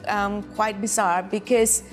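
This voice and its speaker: A Mexican woman, a film director, talks through her work in a thoughtful, searching way. She often stops and restarts her sentences. Soft music plays faintly behind her. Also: mid-range voice, steady tone, measured pace. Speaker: documentary director. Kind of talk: interview answers.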